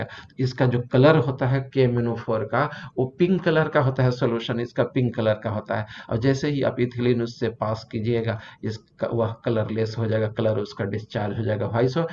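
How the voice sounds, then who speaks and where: A man's voice: mid-range voice, creaky, a little mellow. Man teaching chemistry, playful and step by step. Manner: explains step by step, with playful asides. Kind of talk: classroom lecture mixing Hindi and English. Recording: slightly dull recording with faint background hiss.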